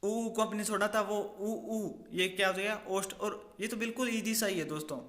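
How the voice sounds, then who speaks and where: A high-pitched male teacher speaks at a moderate pace with a steady, fairly bright tone during an exam-prep grammar lesson. He asks questions, answers them himself, and repeats the main points in a repetitive quizzing style. The room is echoey with long reverb.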